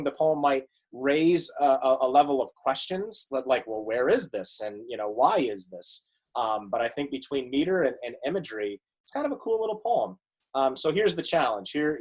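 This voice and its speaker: A man teacher explaining a poem in a casual, relaxed way, with many "you know" fillers. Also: medium pitch, a little fast. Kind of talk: classroom lesson.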